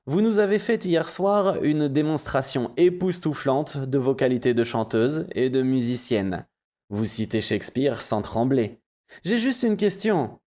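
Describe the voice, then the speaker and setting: A man's voice: mid-range voice, animated, measured pace, darkish tone, natural voice. A man voicing a gallant, courtly host with gracious, complimentary speech in an audiobook.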